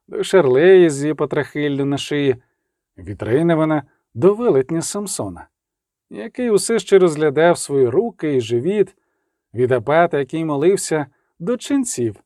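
A man narrating an audiobook in an expressive, dramatic reading style. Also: fairly high pitch, dry recording, studio quality.

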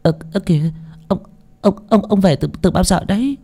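A man's voice: high voice, lively intonation, moderate pace, warm tone, pitched above the performer's own voice. A man voicing a panicked middle-aged wife who stammers, weeps and pleads. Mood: flustered stammer. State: crying.

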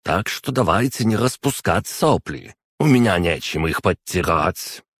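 Man doing a cold old guild alchemist, audiobook character, raised pitch, pushed loud, husky, scornful. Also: expressive, unhurried, dry recording, studio quality, full character voice. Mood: stern, scornful. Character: stern contemptuous old male alchemist, guild head.

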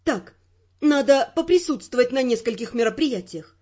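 A woman voicing a prickly, defensive young female spy with sharp retorts. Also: fairly high pitch, expressive, normal speed, dull audio, pitched below the performer's own voice. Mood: offhand.

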